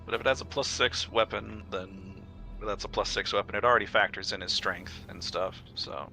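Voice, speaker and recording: A man's voice: on the low side, normal speed, pushed and bright, faint music behind. A man chatting casually as a player in a tabletop game, explaining the rules and chuckling often.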